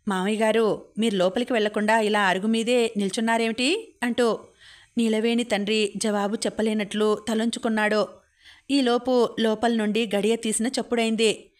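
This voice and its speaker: A woman reading a novel aloud as audiobook narrator, in steady scripted narration. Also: fairly high pitch.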